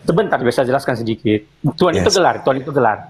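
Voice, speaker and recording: Measured man explaining his faith. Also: medium pitch, expressive. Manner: measured, asks to finish speaking. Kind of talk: calm explanation in live debate.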